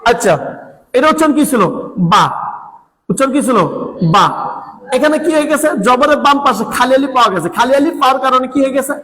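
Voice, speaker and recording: A man's voice: very high voice, fast, long pauses, fairly bright tone, big-room sound, rough recording. A man teaching Quran reading, asking questions and answering them himself, repeating each point. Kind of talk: classroom-style lesson.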